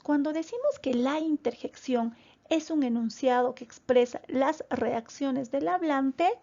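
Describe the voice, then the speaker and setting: Woman teacher, slow and deliberate, gravelly high voice, talks straight to the kids. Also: dark tone, muffled recording. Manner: slow, deliberate, addressing children directly. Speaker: primary school teacher. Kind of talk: recorded grammar lesson for children.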